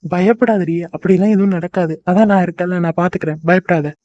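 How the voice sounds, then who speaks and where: A man voicing a fast-talking cartoon husband. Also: high voice, a little mellow, no room sound, highs cut off, close to an everyday voice. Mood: calm. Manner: fast, scolding then soothing. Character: young husband, fretful but soothing.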